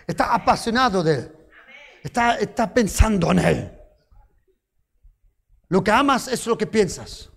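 A man's voice: very high voice, a bit bright. A man preaching a sermon, telling stories with rhetorical questions and touches of humor.

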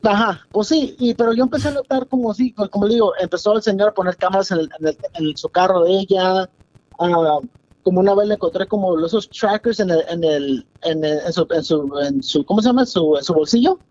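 A man's voice: sits high, brisk, darkish tone, no room sound. A man calling in to a radio show, telling a long confessional story in a rambling way over a dull phone line. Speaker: caller.

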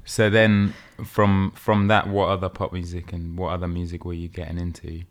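A man's voice: deep voice, monotone, normal speed. A man hosting a podcast, reading a scripted introduction and then chatting with his guest in an easygoing way. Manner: easygoing, short affirmations. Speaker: podcast host.

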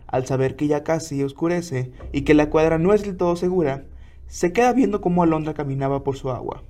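A man's voice: fairly high pitch, warm tone. Man narrating a scary story. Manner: measured storytelling.

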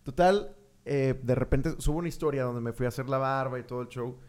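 A young man with a Mexican accent tells a story on a casual podcast chat. He is animated and swears freely, acting out his own reactions with jumps in his voice. His pitch sits in a middle range. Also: a little fast. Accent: Mexican Spanish. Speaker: podcast co-host.

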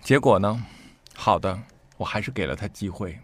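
Male storyteller, low voice, lively and emphatic, plays out the dialogue himself. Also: moderate pace. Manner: animated, acts out quoted speech with sharp rises. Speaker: storyteller guest. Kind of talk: casual conversational storytelling.

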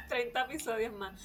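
A woman's voice: fairly high pitch, pushed and bright. A woman hosting a casual faith podcast, talking reflectively and laughing easily. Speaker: podcast host.

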